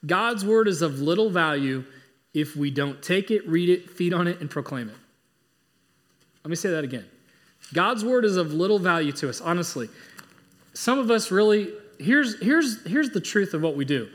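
A man with a high voice delivering a sermon as a pastor. He preaches earnestly and with emphasis, repeating his key points to drive them home. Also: expressive, moderate pace.

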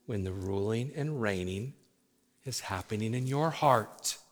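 A pastor preaching a sermon, swinging from loud urgent exhortation to low hushed words. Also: male voice, lively intonation, unhurried. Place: church sanctuary. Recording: long hall reverb.

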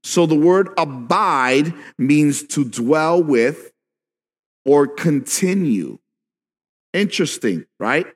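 A male pastor preaching a sermon in a conversational way that builds to emphatic shouts. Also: fairly high pitch, lively intonation, takes it slowly. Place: church sanctuary. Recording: long reverb with faint background music.

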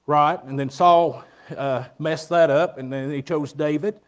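A man with a slightly raised voice preaches an informal Bible lesson into a pulpit microphone in a church sanctuary. He speaks plainly and often stops to restart his sentences or fill pauses with "uh.". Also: a little high, steady tone. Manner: plain-spoken, with many fillers and restarts. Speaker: guest preacher.

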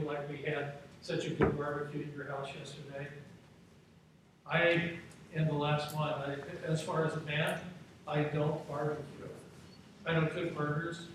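A man's voice: on the high side, level tone, noisy background. Echoey preaching man from far off. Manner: preacher's cadence with emphatic rising phrases and slowed scripture reading. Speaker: pastor. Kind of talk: sermon. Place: church auditorium.

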